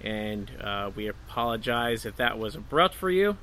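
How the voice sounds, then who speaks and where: Dude doing a solo podcast, chatty n kinda halting, bright forward voice, slight noise behind him. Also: male voice, fairly low pitch, big pitch swings. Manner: informal, chatty, hesitant phrasing. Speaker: podcast host. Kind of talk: casual solo podcast talk.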